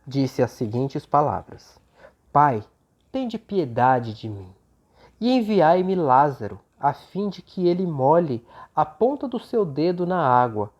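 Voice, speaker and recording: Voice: medium pitch, a little mellow. Brazilian speaker with a flu-worn voice, dull recording. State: recovering from flu, voice slightly off and prone to falter. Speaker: speaker leading a spiritist study talk. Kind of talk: prayer and informal religious talk with scripture reading. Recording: dull, lo-fi sound.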